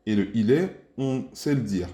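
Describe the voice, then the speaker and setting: A man teaches a language lesson online in a warm, mellow voice. He goes patiently and encourages his listeners, repeating each phrase slowly. His voice rings out in a roomy, echoing space. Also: mid-range voice, expressive. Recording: echoey room.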